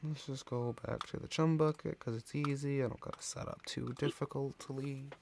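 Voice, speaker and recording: A young man chatting casually to his stream chat, jumping between excited outbursts and quiet mumbling. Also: mid-range voice, moderate pace, creaky, slight background noise.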